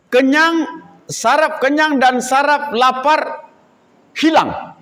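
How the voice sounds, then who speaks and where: A man who leads an Indonesian boarding school, giving a religious lecture to students and acting out examples, at times loud, at times hushed. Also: very high voice. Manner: animated, acts out examples, shifts between loud and hushed. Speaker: Islamic boarding school leader.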